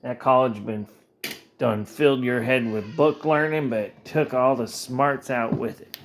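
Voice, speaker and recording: A man voicing a cranky, folksy old rural grandfather who speaks in a low, muttered country drawl. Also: steady tone, measured pace, noisy background, close to an everyday voice. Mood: gruff.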